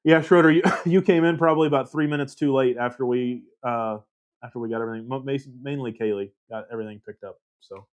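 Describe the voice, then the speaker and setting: A man's voice: medium pitch, fast, muffled recording. A man casually hosting a livestream, reading viewer comments aloud and rambling with self-deprecating laughs. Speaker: livestream host.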